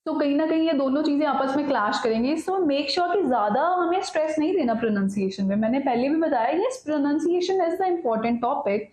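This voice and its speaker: A woman's voice: high-pitched, lively intonation, moderate pace, few pauses, darkish tone, roomy sound, poor audio. A woman coaching students on exam speaking, giving direct advice in a mix of Hindi and English. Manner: direct, advising, addresses viewers as guys. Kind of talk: instructional talk mixing Hindi and English.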